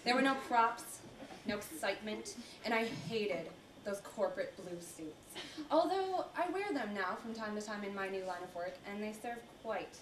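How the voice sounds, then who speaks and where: A woman's voice: mid-range voice, very animated, normal speed, background noise, lightly acted. A young woman student actor performing a staged monologue as a bold, frank former lawyer turned dominatrix, talking in a teasing way and breaking into laughter now and then. It was recorded on a distant camera mic in a college building, before an audience. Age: young adult. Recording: roomy, distant live-hall recording.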